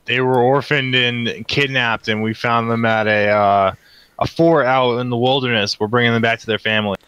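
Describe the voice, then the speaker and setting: Bright, clear-voiced male gamer. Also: medium pitch, steady tone, normal speed, no echo, poor audio. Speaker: player in a tabletop roleplaying game. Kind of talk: casual in-character roleplay.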